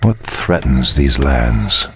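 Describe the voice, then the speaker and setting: An actor playing an ancient, brooding night elf druid in a video game, grave and theatrical, with a gravelly bass. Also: male voice, big pitch swings, slow pace, heavy background noise, exaggerated voice. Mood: grave, commanding. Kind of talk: video game hero responses. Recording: loud game music behind the voice.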